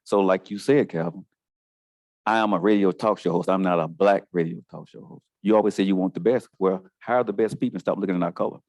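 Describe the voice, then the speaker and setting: A man's voice: low-pitched, steady tone, fairly quick, darkish tone, dry recording. A man, a radio talk show host, speaking informally as a panelist.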